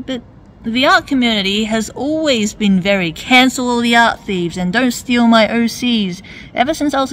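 A woman's voice: fairly high pitch, slight background noise. Wry woman arguing her point. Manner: wry, debating tone with pointed rhetorical questions. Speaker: video essayist. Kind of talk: argumentative commentary.

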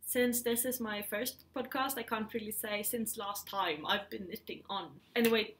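A woman from Sweden, in her thirties, hosts a casual knitting vlog chat from her living room, sounding somewhat hesitant. Her accented voice sits in the mid-range with a fairly bright tone and normal speed, and there's slight background noise.

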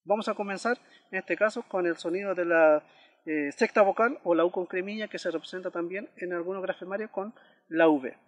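A man with a high-pitched voice teaches a language lesson at an unhurried pace. He says each example word slowly and repeats it, pausing to check that listeners follow. Small hesitations dot his explanations. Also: big-room sound. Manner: frequent "eh" hesitations.

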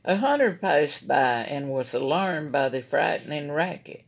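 Seated at a table in a library room, a woman with a Southern American accent reads a children's story aloud as the library's story reader. Her low-sitting voice is animated, with vocal fry and a measured pace.

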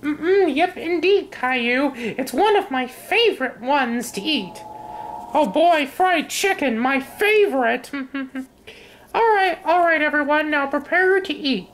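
A voice actor doing every role in a fan-made animated family video, switching between kid, parent and friend parts. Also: high voice, slow, slight background noise. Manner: acts several family roles with the same voice.

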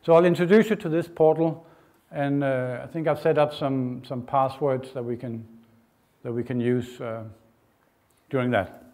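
A middle-aged man from Denmark, giving a university lecture in an informal, halting way with many fillers and restarts. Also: mid-range voice, fairly even intonation, darkish tone. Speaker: guest lecturer. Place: lecture hall, indoors.

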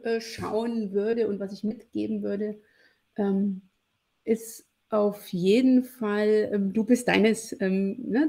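A woman's voice: medium pitch, mellow. A woman in her forties, a guest on a podcast, talking reflectively over a video call with lots of fillers. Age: 40s. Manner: reflective, many fillers, frequent "ne?". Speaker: podcast guest, lawyer and networking expert. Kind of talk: casual conversational interview. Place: home room with shelves.

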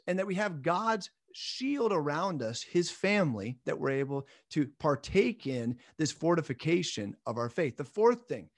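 A man's voice: fairly high pitch, dry recording, studio quality. A man in his thirties giving a recorded midweek Bible lesson from a small room at home, speaking earnestly and encouragingly and laughing off his own slips. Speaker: church minister.

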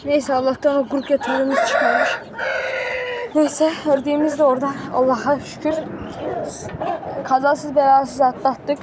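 A woman with a high, bright voice chats to her viewers while filming on a phone in a chicken coop. She talks to them like friends and bluntly shoos the birds that crowd her. Loud clucking and farmyard noise sit right under her voice. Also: little pitch movement, unhurried, pauses often. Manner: chatty, addresses viewers as friends, scolds animals bluntly. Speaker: vlogger. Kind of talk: casual vlog chat.

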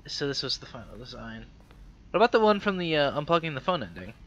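A man's voice: a little high, very animated, fast talker, a bit bright, highs cut off, a little hiss or hum. A young man thinking aloud while he plays a game, musing and hesitant. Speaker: gamer. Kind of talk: let's play commentary.

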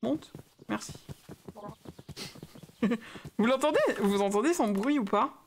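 A young woman talks excitedly through a game livestream, cooing at her pets and chatting with viewers. Her voice sits a little high. A faint hiss runs under the recording. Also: slow pace. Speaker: streamer. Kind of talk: casual Minecraft livestream commentary.

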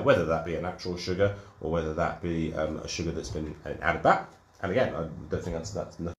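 A man's voice: lowish voice, roomy sound. A man from the UK hosting a live online cider tasting, talking enthusiastically with plenty of ums and restarts. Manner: enthusiastic, lots of ums and restarts, greets viewers. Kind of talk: live-streamed tutored tasting, chatty.

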